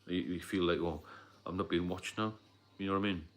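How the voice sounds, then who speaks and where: A man's voice: sits low, steady tone, brisk. A middle-aged British man with a British accent, hosting a rambling, casual live stream about staying sober, with frequent fillers and coughs. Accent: British English. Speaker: livestream host, sobriety mentor.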